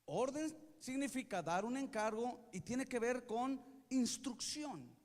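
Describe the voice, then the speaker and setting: High-voiced, lively preaching man. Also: slow. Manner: animated preaching, has the congregation repeat after him and asks if they follow. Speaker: pastor. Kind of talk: sermon. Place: church sanctuary. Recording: long hall reverb from a church.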